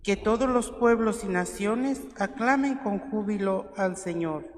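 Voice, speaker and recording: A lector proclaims the readings in a large church at a steady, formal pace. A long cathedral echo hangs after every sentence. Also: mid-range voice, a little slow. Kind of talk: liturgical reading. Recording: echoey church recording.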